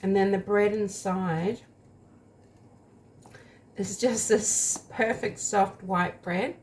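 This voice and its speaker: A woman's voice: medium pitch, steady tone, takes it slowly, slight background noise. A woman chatting casually through a home baking taste test, rambling and talking while she eats.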